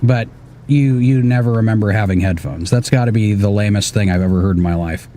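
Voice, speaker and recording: A middle-aged man talks casually while streaming a video game, ribbing his child with mock outrage. His voice sits a bit low and sounds dark and mellow, with a faint hiss of noise behind it. He swears freely and keeps a teasing, exasperated tone. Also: brisk. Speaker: gaming streamer and father.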